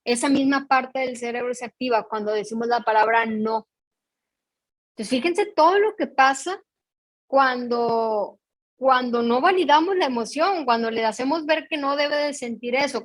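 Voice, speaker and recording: A woman's voice: sits high, moderate pace. A woman with a Mexican accent leading an emotional education workshop, explaining patiently and often checking in with her audience. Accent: Mexican Spanish. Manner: explanatory, asks the audience frequent checking questions; reads out picture dialogues in a storytelling tone. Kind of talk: online workshop talk.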